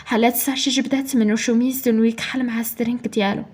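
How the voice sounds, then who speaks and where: A Moroccan woman reads a dramatic story aloud at great speed. Her voice sits high and carries a husky edge. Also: little pitch movement, racing, darkish tone.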